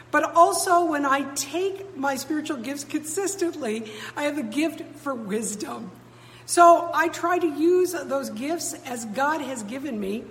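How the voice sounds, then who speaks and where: A woman pastor giving a sermon in a measured, formal way, her voice ringing with the cathedral-like echo of a church sanctuary. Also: sits high, slight background noise. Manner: measured, formal pulpit delivery. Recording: long reverb from a large sanctuary.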